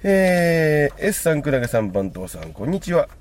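Lively male radio co-host. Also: fairly high pitch, normal speed, a little hiss or hum. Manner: reads listener letters aloud, chuckling often. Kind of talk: casual radio chat.

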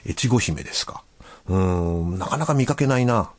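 A man's voice: low voice, lively intonation, normal speed, no room sound. A male radio host chatting casually and reading listener letters, with a chatty, easygoing manner and frequent filler words.

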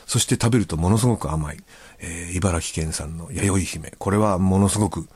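A man's voice: deep voice, fairly quick, a little mellow, husky, no echo. A male radio host chatting casually and reading listener letters, with a chatty, easygoing manner and frequent filler words.

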